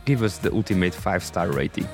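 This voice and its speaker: A man with a raspy voice and non-native English, hosting a podcast in a scripted narration style. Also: deep voice, expressive, fast, a little mellow, faint music behind. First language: not English. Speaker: podcast host.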